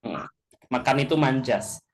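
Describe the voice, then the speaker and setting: A man teaching a class in a casual way, often checking in with his listeners, slowing down to spell out example words and chuckling now and then. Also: mid-range voice. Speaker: language teacher. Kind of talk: casual explanatory class talk.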